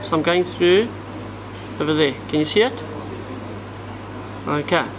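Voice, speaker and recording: A man walks through tying a knot step by step, explaining each move as his hands work. His voice sits fairly high for a man. He is recorded indoors in a tackle shop, with a clear air-conditioning hum behind him. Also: measured pace. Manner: step-by-step, talks while working with his hands. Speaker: fishing tackle instructor. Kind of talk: hands-on tutorial demonstration.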